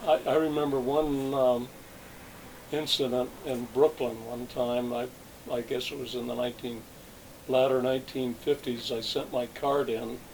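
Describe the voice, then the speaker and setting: A man's voice: mid-range voice, level tone, normal speed, a little mellow, slight background noise, poor audio. An older man in an oral history interview, recalling his working years in a rambling way with many restarts. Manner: rambling, reminiscing with frequent restarts. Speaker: interviewee, retired salesman.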